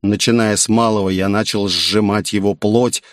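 A man's voice: fairly low pitch, fairly even intonation, moderate pace, dry recording, clean studio sound. A man narrating a first-person audiobook in a cool, sardonic manner.

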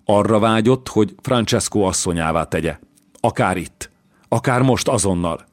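Brief: male audiobook reader, measured and low, very dry studio. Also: no echo. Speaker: audiobook narrator. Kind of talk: scripted historical novel narration.

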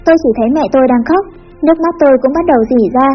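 A woman reads a story aloud in an even, expressive style. Her voice is high, the recording sounds dull and lo-fi, and faint music plays in the background. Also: racing. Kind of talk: scripted narration of a teen story.

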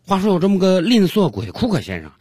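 A man's voice: sits high, huge pitch swings, quick pace, music in the background. A man hosting a radio comedy show, telling jokes in a chatty, colloquial way. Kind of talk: storytelling jokes.

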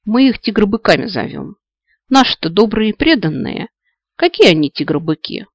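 A man's voice: high voice, sing-song, normal speed, no room sound, muffled recording, voice pushed up, heavily acted. Carefree young giant elf, read by a man. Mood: chatty.

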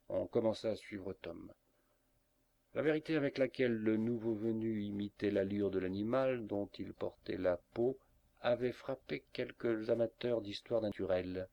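A man narrating a classic novel in a measured, expressive way. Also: fairly low pitch, gravelly. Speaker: audiobook narrator. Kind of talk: scripted narration.

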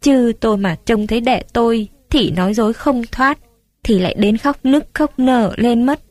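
An anxious young mother from a village, tearful and pleading as she asks one worried question after another, as a woman reads her part. The voice rises high with fear yet stays mellow. It is a close, dry storybook reading. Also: moderate pace, no room sound, natural voice.

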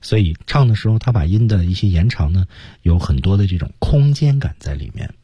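A low, very husky man's voice with a lively, swinging pitch, teaching a song with a Mandarin accent. He breaks down stressed and weakened words with patient explanations, recorded close and dry in a radio studio. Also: brisk, no room sound, dull audio. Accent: Mandarin Chinese. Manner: explains stress and phrasing, sings demonstrations. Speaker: English singing teacher. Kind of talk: bilingual song lesson.

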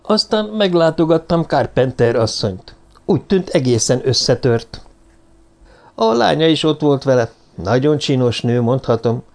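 A man's voice: medium pitch, creaky, a little mellow. A man voicing a boastful, jovial male police inspector in an audiobook reading, telling his story with eager self-satisfaction.

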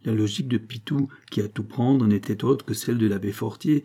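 A man reading an audiobook aloud in a measured, expressive narrating style. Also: fairly low pitch, husky.

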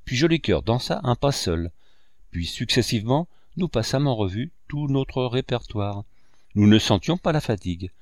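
A man narrating a classic novel in a measured storytelling manner. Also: medium pitch, animated, dry recording, clean studio sound. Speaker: audiobook narrator.

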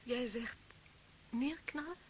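Slow and fairly high-pitched, an actress voices a bitter, lonely young policewoman, once part of a death squad, in a radio drama. She taunts with cold menace, often sinking to a whisper, heard through a muffled, phone-like band on a clearly noisy old recording.

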